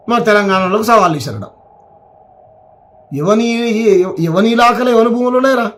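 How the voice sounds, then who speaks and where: High-pitched angry Telangana man ranting. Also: fairly bright tone. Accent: Telangana Telugu. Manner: heated, scolding, repeats words for emphasis. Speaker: political commentator. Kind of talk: angry political rant.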